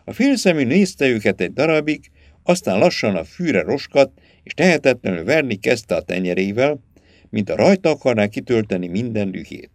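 A man narrating an audiobook in an expressive, dramatic storytelling manner. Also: medium pitch, dry recording, studio quality.

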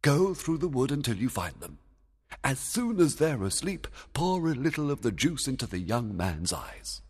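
A man's voice: mid-range voice, big pitch swings, normal speed, breathy edge, big-room sound, pitched above the performer's own voice. A man voicing a proud, scheming male fairy king who gives orders gleefully. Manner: commanding, gleeful.

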